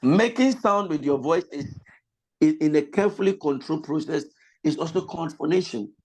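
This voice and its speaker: Over a video call, a pastor who lectures on voice teaches an online singing class, his slightly high voice roughened and a bit lost from a cold. He explains slowly, repeats his points, and breaks into sung examples.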